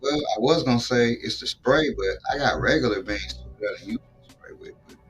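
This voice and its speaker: A man of ordinary pitch hosting a relaxed live stream, talking in a loose, slangy way and swearing freely. Faint music plays quietly behind him. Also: brisk. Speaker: podcast host showing his grow. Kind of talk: casual stream chat.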